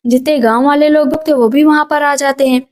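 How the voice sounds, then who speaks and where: Woman with a high voice telling a drama plot fast, dropping in the characters' lines. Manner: quick, lively retelling, dropping quoted lines into the narration. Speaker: movie recap narrator. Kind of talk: storytelling plot recap.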